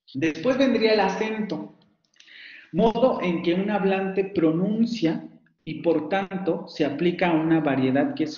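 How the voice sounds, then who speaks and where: Man, fairly high voice, online lecture, echoey room, dull lo-fi call audio. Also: a little mellow. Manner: explanatory, often checks students follow. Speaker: university lecturer. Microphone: computer mic on video call.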